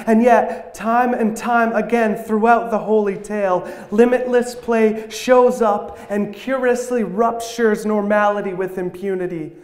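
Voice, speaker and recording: A man with a high voice delivers a sermon as slam poetry, his lines landing in rhythmic, rhyming bursts. He speaks to a congregation in a church hall. The sound carries a noticeable echo from the room. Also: fairly even intonation, unhurried, few pauses, a little mellow. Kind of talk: spoken word poetry sermon.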